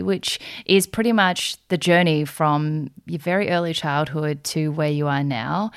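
A woman hosting a podcast interview, enthusiastic and quick to laugh. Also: deep voice, smooth, dry recording, clean studio sound. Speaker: podcast host.

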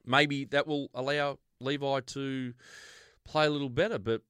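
A man's voice: medium pitch, fairly even intonation, unhurried, fairly bright tone, smooth, dry recording, studio quality. A man with an Australian accent chatting casually about football as a podcast panellist.

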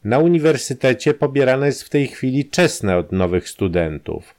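A man voicing a brash safecracker who blackmails an old acquaintance, talking in a loud, taunting, pushy way. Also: medium pitch, very animated, normal speed, voice pushed up.

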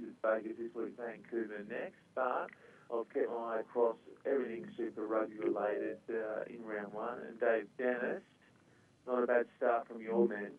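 Aussie bloke hosting a sports podcast down a phone line, tinny, bit of hiss. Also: male voice, on the low side. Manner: relaxed, chatty. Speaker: podcast host. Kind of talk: casual sports chat. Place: hotel in the US, calling in.

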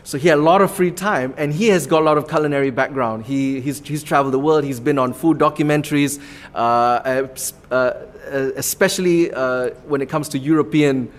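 Speaking briskly at a fairly high pitch, a Malaysian-accented man who owns a comedy club tells his story in an interview. He's sincere and tends to ramble, laughing from time to time.

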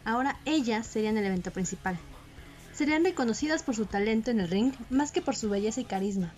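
A woman delivers scripted documentary narration in a fairly high voice. Faint music plays behind her. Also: animated, fast talker, a little mellow.

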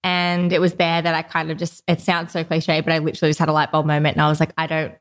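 With a deep voice, completely flat delivery and quick pace, an Australian woman speaks as a podcast guest. The interview is casual and conversational, and she talks openly about her life, full of "like" fillers.

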